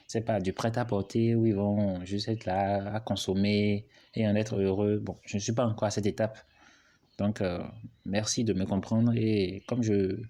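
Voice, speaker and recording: A man hosting a channel, making informal announcements in a hesitant, halting, apologetic way. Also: lowish voice, mellow. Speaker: channel host.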